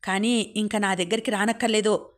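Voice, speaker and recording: A woman's voice: medium pitch, steady tone, normal speed, close to an everyday voice. A woman narrator voicing a stubborn, harsh older father in an audiobook. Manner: harsh, complaining.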